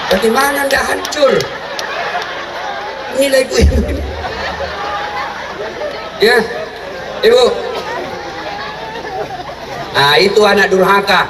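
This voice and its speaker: Bright high-voiced preacher, shouting to a crowd. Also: male voice, a little hiss or hum. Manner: animated, shouting, mock-scolding. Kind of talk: comic sermon to a large crowd. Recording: echoey hall from far off with crowd.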